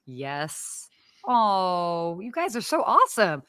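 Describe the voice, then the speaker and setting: Woman co-host, bubbly and exclaiming, mid pitch, dry home video-call sound. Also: very animated, slow pace, sharp tone, clear, resonant tone, no room sound. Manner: bubbly, exclaiming, many fillers. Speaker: podcast co-host. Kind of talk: casual livestream chat. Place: home apartment.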